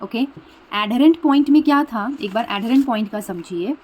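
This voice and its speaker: A woman maths teacher walks through a lesson at an easy, patient pace. She repeats each key idea and checks that listeners follow, slipping English terms into her explanation. Her voice sits a little higher than most women's. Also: brisk, a little mellow, rough recording. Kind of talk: explaining a math lesson at a board.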